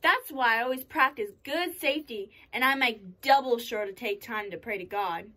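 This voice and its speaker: A woman plays a reckless, cocky daredevil in a kids' comedy skit. The voice is high and excitable, boasting with big swooping emphasis. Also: normal speed. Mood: earnest, confident. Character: hyper, reckless, cocky stunt-loving daredevil named Rush. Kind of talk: scripted children's comedy skit.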